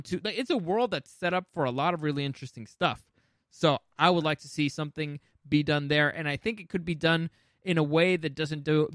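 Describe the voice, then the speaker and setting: Co-hosting a podcast, a man chats casually and with real enthusiasm, dropping in the odd swear word. His voice is slightly high and a touch bright, recorded with clean studio sound and no echo.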